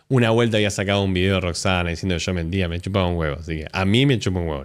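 A man with an Argentine accent, hosting a live stream and reacting to clips in blunt, sarcastic, profanity-heavy commentary. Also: low-pitched. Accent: Argentine Spanish. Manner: blunt, sarcastic, swears often.

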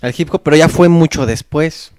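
A man's voice: on the high side, normal speed, crowd noise. A man with a Mexican accent tells rambling, slang-filled stories in a casual podcast chat.

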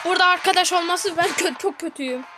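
A woman gaming streamer giving live gameplay commentary, excitable and yelping repeated words in tense moments. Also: very high-pitched, fast talker. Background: loud game music and gunfire.

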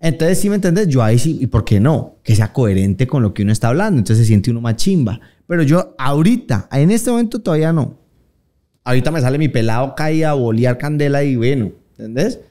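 A man in his thirties with a Colombian Paisa accent, chatting casually in an interview, slangy and relaxed, acting out the voices of people he quotes. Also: medium pitch, brisk. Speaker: interviewed singer.

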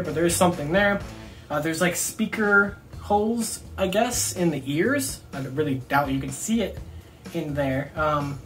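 This young adult man reviews a toy in a relaxed unboxing video shot in a small room at home. His voice sits on the high side and sounds fairly bright. He talks to the camera in a rambling way, thinking aloud as he goes.

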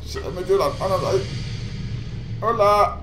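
Panicky, swearing gamer. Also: male voice, high voice, moderate pace, music in the background. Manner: panicky, swearing, shouting in fright. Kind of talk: horror game let's-play commentary. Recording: echoey room.

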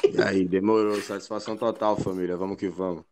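A man's voice: low voice, steady tone, a little fast, darkish tone, slight background noise. A man from Salvador with a Bahian accent, a battle rap contestant chatting casually on a live stream. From Salvador, Bahia, Brazil.

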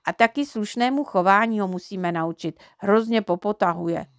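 Woman reading a level-headed little storybook girl, calm and practical, dry close sound. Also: mid-range voice, no echo, natural voice. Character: sensible, kindly little girl.

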